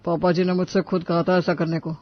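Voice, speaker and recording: A woman's voice: lowish voice, flat delivery, fairly quick, lightly acted. A woman voicing a conciliatory young brother-in-law who speaks in a soothing way. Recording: dull lo-fi recording.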